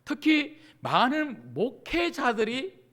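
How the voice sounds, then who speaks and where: A middle-aged male pastor preaching with a high, bright, sharp-edged voice. His pitch jumps and dips with animated energy. He peppers his congregation with rhetorical questions and acts out desperate pleas before sinking to a near-whisper. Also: slow pace. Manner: swings from loud cries to hushed near-whispers. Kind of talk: sermon.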